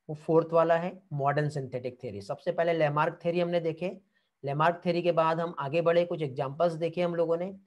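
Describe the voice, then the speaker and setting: A man's voice: fairly high pitch, darkish tone. A male biology teacher giving an online exam-prep lecture. He calls the students 'beta', checks often whether they follow, and answers their comments. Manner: calls students 'beta', keeps asking 'theek hai'.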